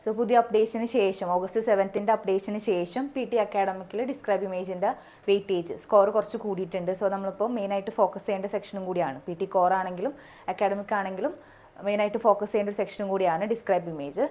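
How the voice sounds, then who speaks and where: A woman coaching students for an exam, speaking. She talks quickly in a casual, repetitive way, with many fillers. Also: medium pitch, fairly even intonation, warm tone. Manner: casual, repeats points, frequent fillers. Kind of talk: explaining exam tips in a video lesson.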